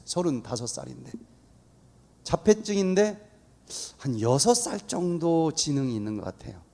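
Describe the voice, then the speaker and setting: Animated storytelling Korean man. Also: fairly high pitch, gravelly. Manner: animated storytelling, acts out quoted voices. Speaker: guest speaker. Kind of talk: church lecture. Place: church.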